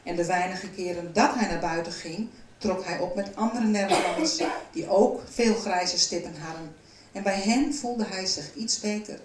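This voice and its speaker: A woman's voice: medium pitch, normal speed, a little hiss or hum. Woman reading a storybook aloud. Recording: roomy, from a distance.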